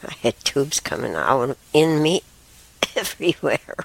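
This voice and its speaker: A woman hosting a talk show, telling a spiritual story in a rambling way, with soft whispered asides. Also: rumbling low, very animated, a little slow, creaky, a little hiss or hum. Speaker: show host.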